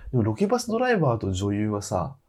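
Slightly husky man, lively chatter. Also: lowish voice, fast talker. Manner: chatty, reacts with short nods. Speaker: podcast co-host. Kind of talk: casual chat.

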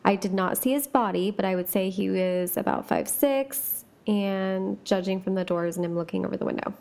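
A woman's voice: medium pitch, moderate pace, gravelly, a little mellow. A woman hosting a chatty podcast, talking casually with lots of fillers and asides and reading ghost stories aloud. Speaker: podcast host.

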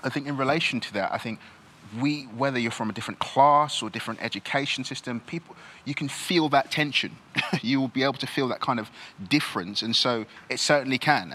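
A man born in Nigeria who grew up in this country, answering questions in a reflective church panel discussion, thoughtful and halting with many restarts. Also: mid-range voice, bright, forceful tone.

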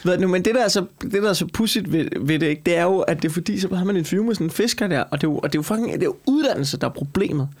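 A man chatting casually and argumentatively, emphatic and animated, swearing and piling up repeated phrases to make his point. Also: high voice, hardly any pauses. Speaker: comedian and talk show co-host.

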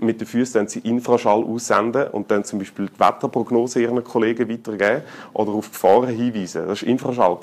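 Animated Swiss German preacher. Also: male voice, medium pitch. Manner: animated, swings between loud and hushed; colloquial and humorous. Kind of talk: sermon.

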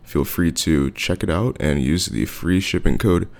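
A man hosting a podcast, reading scripted sponsor announcements in a steady, informative way. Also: deep voice, unhurried, gravelly. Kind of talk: scripted ad read.

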